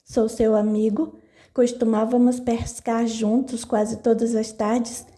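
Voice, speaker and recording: A woman's voice: fairly high pitch, little pitch movement, slow pace, warm tone. Woman reading a cruel mocking foreman. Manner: mocking, ironic. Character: cruel scheming male farm foreman.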